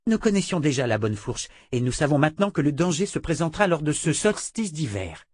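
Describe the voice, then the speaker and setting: A man's voice: a little high, no echo, studio quality, pitched above the performer's own voice. A man voicing Warren, an eager young scholar. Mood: elated. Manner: eager, quick bursts of excitement. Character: excitable young male scholar. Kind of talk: audiobook character voice.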